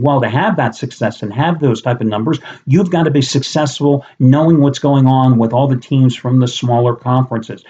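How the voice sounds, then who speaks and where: A man's voice: medium pitch, dark tone. Blunt middle-aged man previewing a game. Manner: blunt and conversational, with mild swearing. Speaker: sports handicapper. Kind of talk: sports betting preview monologue. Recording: slightly dull lo-fi recording.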